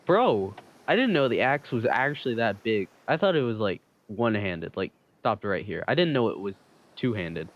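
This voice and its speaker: A man's voice: on the low side, lively intonation, moderate pace, highs cut off. A man streaming a game, joking and mocking himself as he comments on what he reads. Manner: joking, self-mocking asides. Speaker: gaming streamer. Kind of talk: casual commentary while reading a game aloud.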